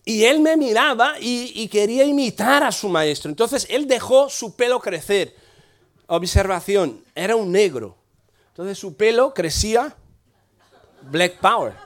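A middle-aged man, a pastor, telling a humorous story in a sermon and acting out the dialogue in a lively way. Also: sits high, measured pace.

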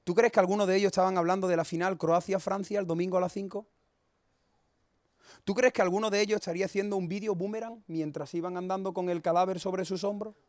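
A man preaching, with a high voice. He is fiery and emphatic, and swings from loud warnings of judgement into quick, humorous storytelling. The sound is close and dry. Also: no echo. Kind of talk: sermon.

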